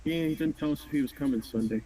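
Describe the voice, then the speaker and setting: A man's voice: on the high side, quick pace, warm tone, husky. A man telling anecdotes in casual chat. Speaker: podcast regular, store worker. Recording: distant mic, faint background noise.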